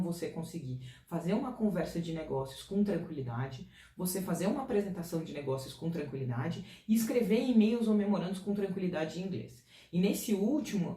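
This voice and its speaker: A woman from Brazil talks through career tips in a chatty, informal way, her voice mellow and a little dark. She sits away from the mic in a room with a noticeable echo. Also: lowish voice. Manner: chatty and informal, direct advice. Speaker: career advice vlogger. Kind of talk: casual career-advice talk to camera. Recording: distant mic in an echoey room.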